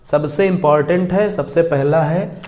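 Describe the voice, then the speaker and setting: A young male teacher gives a grammar lesson at a board. His voice sits somewhat high, and he dictates slowly, saying each word again as he writes it down. He keeps asking questions and then answering them himself. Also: a little mellow. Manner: slow dictation, repeating words as he writes.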